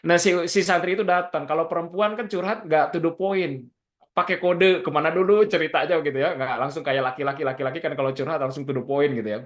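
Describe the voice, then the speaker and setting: A man's voice: on the high side, fast talker. Chatty male parenting trainer. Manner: conversational, addresses parents directly with rhetorical questions. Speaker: parenting trainer and boarding school consultant. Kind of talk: webinar talk to parents.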